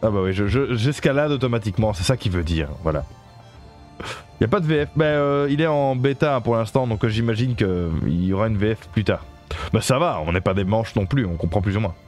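Soft music plays behind a French-accented man whose low, slightly mellow voice moves at a brisk pace. He's live-streaming a game, translating the text on screen as he reads it, full of fillers and self-corrections, and he keeps talking with and thanking viewers.

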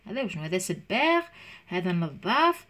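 A woman with an Algerian accent explaining an English exam to pupils. She reads each English sentence slowly and then explains it in dialect. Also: lowish voice, sing-song, a bit bright. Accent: Algerian Arabic. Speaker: English teacher.

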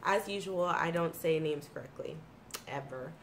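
Her voice sits low and moves at a moderate pace, thick and a bit froggy with allergy congestion. She's an American woman in her thirties, a video blogger and streamer, casually and enthusiastically chatting through her favorites to camera from a small home room with a computer desk, poking fun at herself. Room noise is clear in the background.

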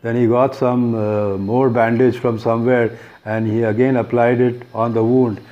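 A man with an Indian accent retells a short story off the cuff, pausing often with fillers and restarts, on a dull lo-fi recording. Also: mid-range voice, level tone. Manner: hesitant, many fillers and restarts. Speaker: book talk presenter.

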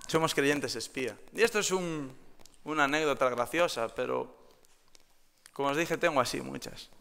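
A man's voice: fairly high pitch, a bit bright, clear, resonant tone. A young man with a Galician accent preaching a sermon in a church. He tells personal anecdotes and then presses the congregation with rhetorical questions. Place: church hall. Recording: long hall reverb.

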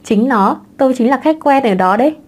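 A woman's voice: sits high, expressive, a little fast, a little mellow. A woman voicing a brazen, cheeky young divorced mother in an audiobook romance. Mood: teasing.

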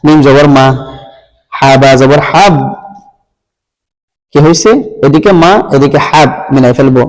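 A man teaching Quran reading, patiently spelling out each syllable and blending them in a slow, repetitive drill. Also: on the high side. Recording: long hall reverb.

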